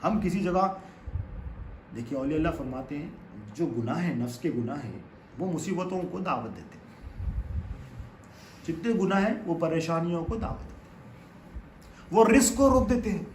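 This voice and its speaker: A man's voice: a little high, expressive, pauses often, a little mellow, reverberant, slight background noise, low-quality recording. A man giving a religious sermon, telling stories and asking rhetorical questions, rising to emphatic peaks. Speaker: preacher.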